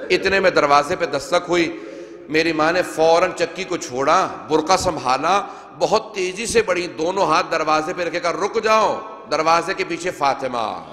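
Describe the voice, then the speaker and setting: A preacher with a high-pitched voice delivers a majlis sermon on a venue microphone, declaiming and acting out quoted dialogue from old narrations. A crowd can be heard behind him, and his voice rings through a large hall with long reverb.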